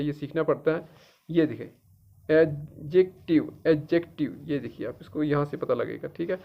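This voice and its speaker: A gravelly, slightly high-voiced middle-aged man from Jammu and Kashmir walks his students through a tutorial one step at a time. He talks patiently and repeats himself, checking often that they follow. The recording sounds dull and lo-fi. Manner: patient, repetitive, keeps checking with "theek hai". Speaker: teacher. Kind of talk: screen-guided tutorial.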